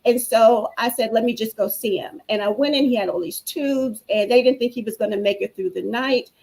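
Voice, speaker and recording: A woman's voice: a little high, a little fast, vocal fry, a little mellow, poor audio. A woman guest on a talk show telling her own story in an earnest, preacherly way. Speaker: guest speaker. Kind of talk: personal testimony on a talk show.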